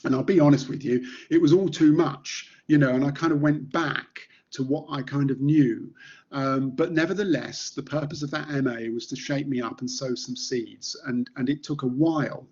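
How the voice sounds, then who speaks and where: A middle-aged man from Kent in England with a light Estuary English accent, giving an informal artist talk as a ceramicist in a halting, reflective manner. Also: mid-range voice, a little mellow, breathy edge, dull audio. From Maidstone, Kent, England. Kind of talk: informal slide presentation.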